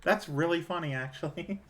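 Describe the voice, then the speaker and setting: A woman's voice: on the low side, slight background noise. A woman with a Canadian accent, chatting casually with her viewers while gaming, rambling with fillers and small laughs. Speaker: streamer.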